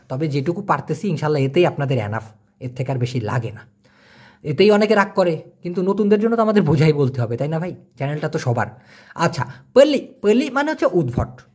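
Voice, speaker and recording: Husky, lively language teacher. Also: mid-range voice. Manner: chatty, repeats each word to drill it; jokey, self-mocking asides. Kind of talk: casual spoken vocabulary lesson.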